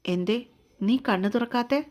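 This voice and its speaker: A woman voicing a young man who gently comforts his crying beloved in a soft, coaxing voice, in a romance audio story. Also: fairly high pitch, moderate pace, close to an everyday voice. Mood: tender. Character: young man, tender and protective lover.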